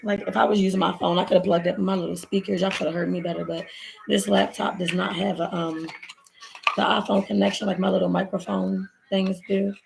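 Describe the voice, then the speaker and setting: A Baltimore vlogger who has lost her voice chats hoarsely through a story time while doing her nails, rambling and calling her viewers y'all. She speaks briskly in a creaky, mid-range voice with little pitch movement, recorded on a home laptop's built-in mic with a noisy background.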